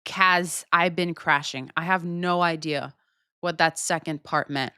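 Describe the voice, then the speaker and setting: A woman's voice: fairly low pitch, fairly even intonation, unhurried, sharp tone, clear, resonant tone, no echo, clean studio sound. A young woman speaking in a casual, candid monologue as a podcast host, unfiltered and swearing casually. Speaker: podcast host answering listener questions.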